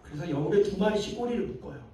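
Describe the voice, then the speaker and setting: His voice is high, gravelly yet mellow, and he moves fast and with lots of animation. A male pastor, he converses with a young adults group, testing them with questions and acting out quoted lines. Echo fills the room, and he sounds far from the mic.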